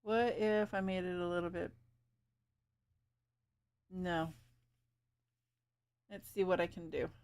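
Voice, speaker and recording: A woman's voice: fairly low pitch, steady tone, takes it slowly, long pauses, a little mellow, smooth. A woman streaming live as she paints, chatting casually with viewers, thinking aloud and giggling often.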